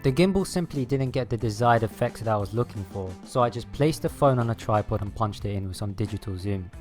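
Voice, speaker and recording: A man's voice: lowish voice, animated, a little fast, a little mellow. A man reading a scripted voice-over as a video creator, explaining his process step by step. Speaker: video creator narrating his own making-of. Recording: music behind the voice. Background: background music.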